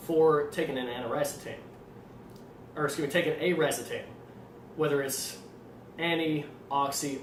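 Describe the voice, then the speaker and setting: Speaking in a fairly monotone, slightly stuttering way that he calls monotone himself, a fitness trainer from Arkansas offers supplement advice informally. His voice sits on the high side and carries an Arkansas accent, captured on a distant mic with roomy echo and faint background noise.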